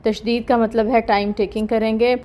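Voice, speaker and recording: A woman teaching an online Quran recitation lesson, explaining each rule slowly and deliberately and stretching out the recited words. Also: on the high side, flat delivery, mellow, slight background noise.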